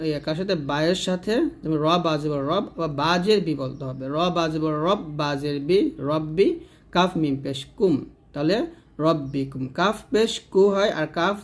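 A man's voice: fairly high pitch, darkish tone. Man teaching spelled-out Quran reading. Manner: drills syllables slowly, then speeds through explanations. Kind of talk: spelled-out recitation lesson.

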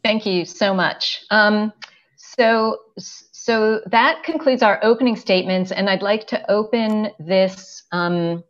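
An older woman moderating a press conference over a video call, talking slowly with many pauses and fillers, on earphones from home. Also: mid-range voice. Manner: hesitant, filler-heavy, slow. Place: home room indoors. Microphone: earphone headset on video call. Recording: dull lo-fi video call audio.

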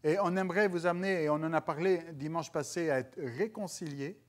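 A man's voice: on the high side, a little fast. A man with a Quebec French accent preaching a sermon, earnest, with repeated phrases and restarts. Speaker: pastor. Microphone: broadcast church recording.

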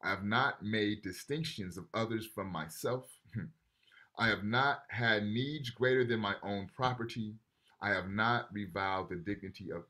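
Over a video call, a male lecturer teaches a university class in a casual way, with a fairly low, sharp-toned voice. He reads texts aloud and frequently checks in with "right?"

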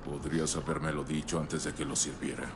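An actor playing a huge, brooding thunder god in a game cutscene, gruff and needling. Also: male voice, a bass voice, little pitch movement, a little fast. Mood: sardonic. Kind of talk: dramatic video game cutscene acting. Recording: loud noise behind the voice.

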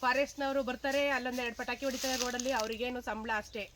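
Rapid-talking village woman, worried. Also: fairly high pitch, fairly even intonation, noisy background. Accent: Kannada, Hassan rural. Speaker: farmer interviewed. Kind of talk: field interview complaint. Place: farm field outdoors.

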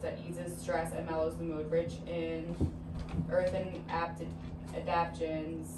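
A woman chatting casually at home and reading a label aloud in a flat way. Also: deep voice, measured pace. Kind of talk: casual chat. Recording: echoey noisy room.

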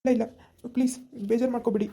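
A woman's voice: on the high side, little pitch movement, warm tone, slightly rough. A woman playing a guilt-ridden young husband who is crying and stammers as he pleads, in an amateur village drama. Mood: tearful. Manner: halting, stammering pleas.

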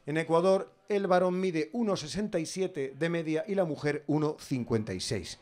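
Male stand-up comedian with a Spain Spanish accent, slightly high voice, animated and ironic. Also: moderate pace. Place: stage.

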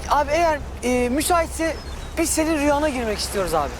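A man's voice: very high-pitched, expressive, quick pace, a crowd in the background, background noise. A young adult man playing an exasperated guy stuck in a friend's dream, complaining and pleading. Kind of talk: sitcom acting.

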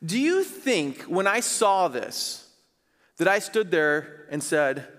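A man in his thirties, a pastor preaching on a church stage, earnest and emphatic, slowing to stress key phrases. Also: high-pitched, big pitch swings, a bit bright. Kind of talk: sermon. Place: large church stage, indoors. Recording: reverberant church hall.

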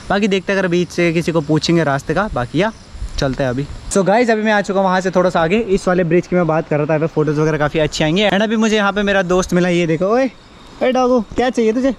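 Noisy action-camera audio with vehicle sound, from a helmet mount or handheld, carries a young adult motovlogger's casual chat as he rides and stops on outdoor roads. He has a fairly high pitch, muses aloud, and mixes English words into his speech.

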